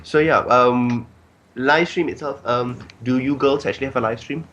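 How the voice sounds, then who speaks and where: A man's voice: medium pitch, moderate pace, fairly bright tone, muffled recording, slight background noise. A man hosting a casual podcast, rambling with many ums and filler phrases. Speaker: podcast host.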